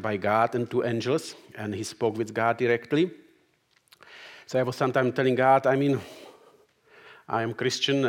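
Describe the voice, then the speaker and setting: A middle-aged man with a clear Czech accent gives a sermon in English, his second language. He reads scripture and then talks haltingly, with frequent fillers and restarts. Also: mid-range voice. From Czech Republic. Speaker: guest preacher. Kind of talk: sermon with Bible reading.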